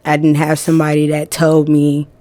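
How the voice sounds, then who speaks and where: A woman's voice: sits low, completely flat delivery, normal speed, dark tone, no room sound. A woman from New Jersey, raised in Atlanta, talking frankly and emphatically as a guest on a casual podcast, often laughing. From born in New Jersey, raised in Atlanta. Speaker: music management guest.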